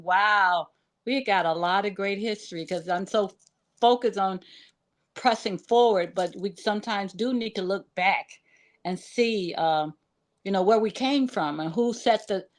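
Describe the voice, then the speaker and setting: A woman talking as a guest on a radio show, murmuring agreement and rambling with fillers when she speaks. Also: medium pitch. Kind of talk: radio interview talk.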